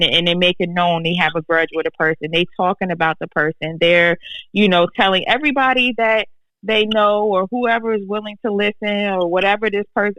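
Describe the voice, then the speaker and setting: Blunt, emphatic podcast co-host, bright voice. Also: mid-range voice, no room sound, poor audio. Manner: blunt, emphatic, repeats points for effect. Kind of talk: casual live-stream podcast chat.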